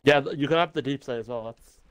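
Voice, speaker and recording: A man's voice: mid-range voice, quick pace, a little hiss or hum. A man with a Welsh accent chatting casually with friends over voice chat while playing a game, joking and often trailing off mid-sentence. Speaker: gamer on voice chat.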